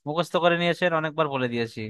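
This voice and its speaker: Patient, clear-voiced male tajweed teacher. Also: on the high side, a bit bright, no echo. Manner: patient, repetitive explaining, spelling out syllables slowly. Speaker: Quran recitation teacher. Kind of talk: online tajweed lesson.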